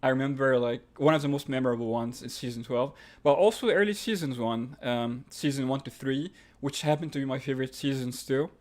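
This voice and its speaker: An Egyptian man with an Egyptian accent runs a live stream, reading viewer questions aloud and answering them offhand with fillers and restarts. His medium-pitched, darkish voice moves fairly quickly, with hardly any pauses.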